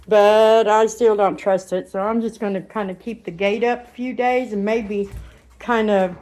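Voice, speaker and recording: A woman's voice: medium pitch, a little mellow. A woman chatting casually in a home vlog, rambling between remarks and breaking off to talk to her dogs, recorded indoors on a handheld camera. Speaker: dog breeder vlogging. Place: living room at home, indoors. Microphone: handheld camera or phone.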